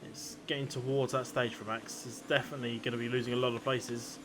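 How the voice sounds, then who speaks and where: A man's voice: medium pitch, flat delivery, fast talker, noisy background. A man working as a motorsport commentator, giving conversational analysis of the race. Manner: motorsport commentator explaining incidents and strategy.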